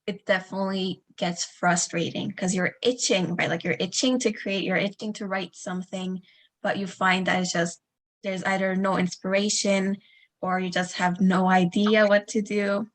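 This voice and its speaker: A woman's voice: mid-range voice, flat delivery, normal speed. A young woman hosting a casual podcast, earnest and hesitant, with many fillers and restarts. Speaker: podcast host.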